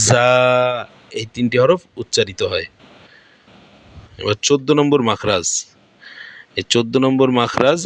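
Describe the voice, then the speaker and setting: A male Quran teacher with a Bangladeshi Bengali accent explains pronunciation points slowly and repeats each one. His voice sits in an ordinary middle pitch. It is recorded close up, dry and without room sound. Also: a bit bright, no room sound. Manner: patient, repeats each point and quizzes himself. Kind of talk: step-by-step pronunciation lesson.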